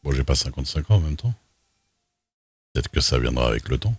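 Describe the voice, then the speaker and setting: Very deep husky French-speaking streamer man. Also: lively intonation, fairly quick, no echo, clean studio sound. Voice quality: unusual, very deep voice. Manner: reads rules aloud with loose asides. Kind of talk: casual livestream chat while role-playing.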